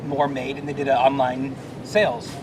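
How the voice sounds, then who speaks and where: A middle-aged Salvation Army officer talks earnestly and emotionally in a casual chat, rambling with many restarts. His tone is level and his speed normal, with a crowd and a noisy rumble in the background.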